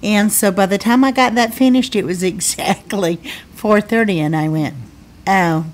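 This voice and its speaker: Female co-host, mid pitch, playful bantering recap chat. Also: moderate pace. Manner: playful, bantering, rambling explanations. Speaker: podcast co-host.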